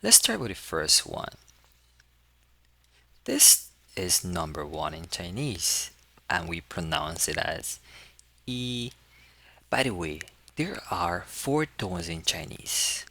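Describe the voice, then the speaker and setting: A man's voice: low-pitched, huge pitch swings, slow pace, gravelly, sharp tone, no room sound. A man giving a casual lesson, patiently demonstrating and repeating sounds for learners to copy. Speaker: language tutor. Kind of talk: casual teaching walkthrough.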